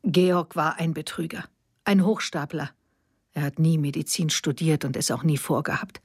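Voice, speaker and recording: A woman narrating a novel as an audiobook in a measured, even storytelling manner. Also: deep voice, husky, no room sound, clean studio sound.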